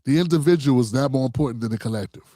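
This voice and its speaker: A man's voice: medium pitch, very fast, dark tone, dry recording, clean studio sound. A man hosting his own commentary show, talking loosely and profanely, rambling and calling his viewers "fam". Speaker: host. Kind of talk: casual political commentary monologue.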